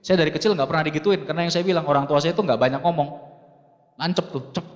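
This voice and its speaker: A man in his thirties from Makassar giving an animated motivational talk from a seminar stage, turning to address the audience often. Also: on the high side, fast talker, dull audio. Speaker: seminar speaker. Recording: long hall reverb.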